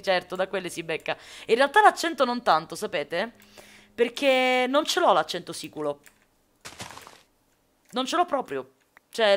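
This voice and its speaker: A woman's voice: fairly high pitch, a bit bright. A woman from Sicily chatting casually with viewers while streaming a game, answering their comments with jokes. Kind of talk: casual live gameplay chat.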